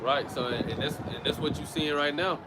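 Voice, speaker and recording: Here a man preaches on the street in a fairly high voice at a moderate pace. He talks informally, often starting phrases over, and the outdoor recording picks up vehicles passing by.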